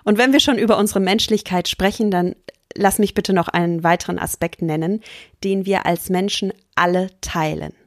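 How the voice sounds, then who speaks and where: A woman's voice: mid-range voice, steady tone, dry recording. Earnest German-speaking woman coach, dry sound. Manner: earnest and emphatic, slows and drops to a whisper for emphasis. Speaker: life coach. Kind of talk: motivational course pitch.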